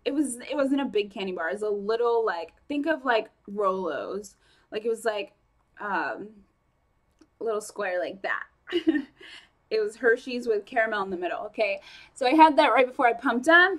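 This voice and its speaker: Fast-talking chatty young woman vlogger. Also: a little high, expressive. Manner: fast, chatty, lots of fillers and self-corrections. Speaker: fitness vlogger. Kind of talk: casual vlog chat.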